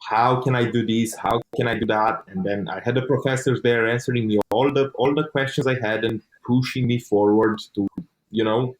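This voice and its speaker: A young man who speaks English as a second language tells his own story as an interview guest, earnest and swearing casually while often restarting. His voice has a medium pitch, fairly even intonation, and normal speed, and the audio is poor.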